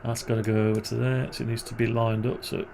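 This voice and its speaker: A man with a gravelly, creaky voice talks himself through a programming task, half-muttering and tossing in wry grumbles. He speaks at an average pitch, and a steady hiss of background noise runs under the recording. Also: fast talker. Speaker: programming tutorial presenter. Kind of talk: thinking aloud while working on screen.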